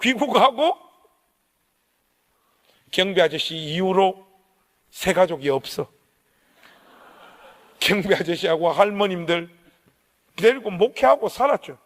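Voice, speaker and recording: A man preaching at a revival service who tells a story with a fairly high voice and lots of feeling. He acts out what people said as he goes. His voice rings through a church hall with a long reverb tail. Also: animated, slow, long pauses. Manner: emotional, vivid storytelling with acted quotes. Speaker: pastor. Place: church sanctuary.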